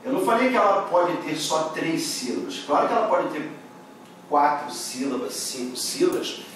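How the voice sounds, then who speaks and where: A Brazilian man lecturing on grammar, with his somewhat high voice ringing around a bare room. He sits a little away from the mic, and a faint hum of room noise runs under him. He keeps checking in with his students as he goes. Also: animated, moderate pace, fairly bright tone. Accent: Brazilian Portuguese. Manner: patient, checks in with "beleza?" and "tá?". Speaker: Portuguese exam-prep teacher. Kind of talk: classroom lecture explaining grammar. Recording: echoey room, voice from a distance.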